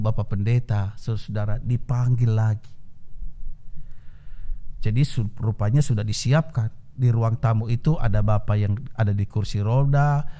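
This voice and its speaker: A pastor giving a sermon, telling a story and addressing the listeners as brothers and sisters, raising his pitch to act out the characters' quoted lines. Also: warm tone.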